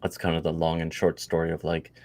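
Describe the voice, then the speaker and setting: Very low-voiced Canadian man in his forties. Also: completely flat delivery, quick pace, darkish tone. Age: 40s. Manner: rambling, with many fillers and restarts. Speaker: podcast guest. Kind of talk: casual interview chat.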